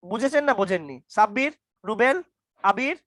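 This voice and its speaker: High-voiced young lecturer, stammering. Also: male voice, animated, moderate pace, a bit bright, no echo. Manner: repeats questions and stammers on words, quizzing students. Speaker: university lecturer. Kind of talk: online lecture. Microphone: computer mic on a video call.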